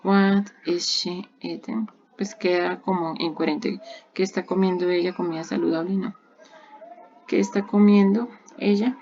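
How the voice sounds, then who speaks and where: A woman teaches English grammar in a recorded online lesson. Her voice sits low, with a gravelly edge. She explains patiently, step by step, repeating each example, and the recording sounds dull and lo-fi. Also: steady tone, measured pace, a little mellow, a little hiss or hum.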